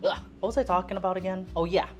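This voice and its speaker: A Filipina cooking vlogger in her twenties chats in a loose, self-deprecating way as she makes food in her own kitchen. She talks rapid-fire in a lowish, darkish voice with fairly even intonation, and the audio is dull with soft music in the background.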